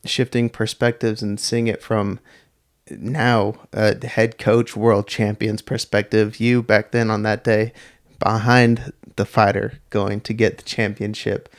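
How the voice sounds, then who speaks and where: A man's voice: fairly low pitch, a little slow. A man hosting a casual podcast interview, reacting briefly and reflecting on his guest's story. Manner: brief reactions, then reflective, flat delivery. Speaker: podcast host.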